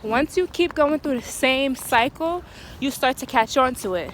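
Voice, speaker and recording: A woman's voice: high voice, animated, unhurried, a bit bright. A young woman talking candidly to her phone while walking outdoors, a little out of breath, chatty and laughing now and then. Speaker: vlogger. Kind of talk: casual walking vlog. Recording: faint street noise.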